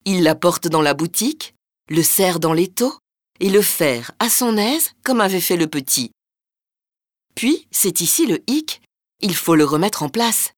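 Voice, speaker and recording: A woman narrating a folk tale in a lively, rhythmic storytelling manner. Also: fairly low pitch, no echo, studio quality.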